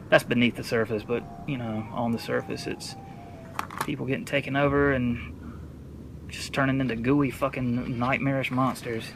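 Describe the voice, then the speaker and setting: A man's voice: medium pitch, background noise. A man casually reviewing horror movies in a rambling, jokey, slangy way with heavy cursing. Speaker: horror film collector presenting a video.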